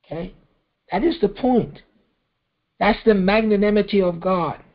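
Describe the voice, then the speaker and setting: A man's voice: high voice, unhurried, lo-fi sound. A man leading a scripture study, explaining verses in a conversational way and often checking in with "okay?". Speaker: Quran study teacher.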